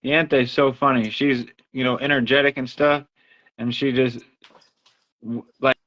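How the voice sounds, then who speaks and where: A man's voice: medium pitch, steady tone, unhurried, a bit bright. A man chatting casually on a livestream as its host, telling everyday stories in a talkative way. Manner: chatty storyteller, acts out others' remarks. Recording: dull lo-fi audio.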